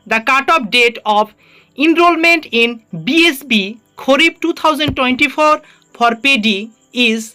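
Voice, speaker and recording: A woman's voice: sits high, sharp tone. A woman narrating an informational video as host, addressing viewers directly and mixing English terms into her explanation. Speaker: channel host.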